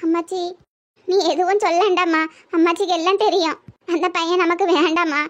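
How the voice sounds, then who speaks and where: A woman's voice: very high voice, fairly even intonation, normal speed, fairly bright tone, dull audio. A woman voicing a meddling old grandmother who scolds and coaxes, with a Tirunelveli Tamil accent, in a cartoon comedy. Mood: coaxing. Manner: scolding, knowing.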